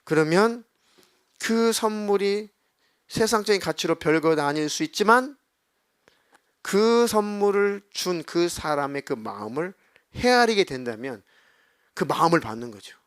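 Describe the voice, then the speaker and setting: Man, pastor, sermon, conversational, slightly high voice, dry sound. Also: expressive, a little slow, pauses often, clear, resonant tone, dry recording. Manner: conversational preaching, acting out prayers and quoted speech.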